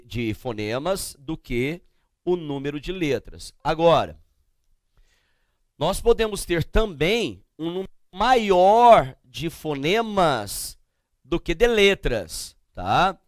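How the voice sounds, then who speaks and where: A middle-aged Brazilian man teaching grammar to a class, slow and emphatic, asking questions and answering them himself as he spells out letters and sounds. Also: on the high side, expressive, no echo, clean studio sound. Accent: Brazilian Portuguese.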